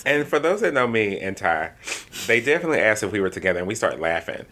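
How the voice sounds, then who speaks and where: A man's voice: lowish voice, sing-song, fast, pushed and bright, slight background noise. A man hosting a casual interview podcast, teasing and laughing as he tells stories. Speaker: podcast host.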